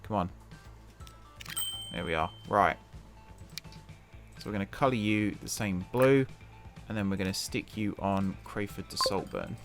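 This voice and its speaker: This gaming-channel host has a fairly low, croaky voice, worn from a full day of talking, and he speaks at a measured pace with frequent pauses while staying animated. He chats loosely about his gameplay, thinking aloud and joking at his own expense as background music plays.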